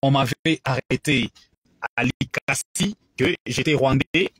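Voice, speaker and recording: Emphatic Congolese man, husky preaching voice. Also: medium pitch, slow pace, no echo, poor audio. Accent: Congolese French. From Democratic Republic of the Congo. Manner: repetitive, emphatic, switching between French and English. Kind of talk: bilingual preaching address.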